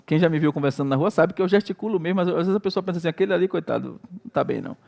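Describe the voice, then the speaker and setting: A middle-aged Brazilian man preaching a sermon, his voice set high for a man. He talks in a loose, storytelling way and acts out his own prayers and exclamations. His Brazilian Portuguese accent is clear throughout. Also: racing, darkish tone. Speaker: pastor.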